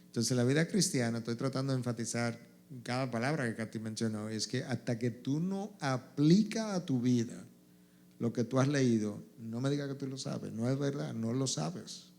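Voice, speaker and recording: A man's voice: mid-range voice, moderate pace, vocal fry, darkish tone. A male pastor answering questions at a church event, stressing his points by repeating them. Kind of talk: church Q&A teaching.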